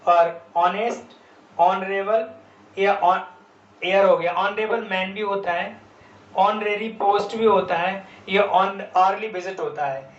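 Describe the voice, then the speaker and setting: A man's voice: sits high, fairly even intonation, slow pace. A male English teacher giving a classroom grammar lesson, spelling words out letter by letter and answering his own questions. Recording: roomy, distant, dull lo-fi sound with faint background noise.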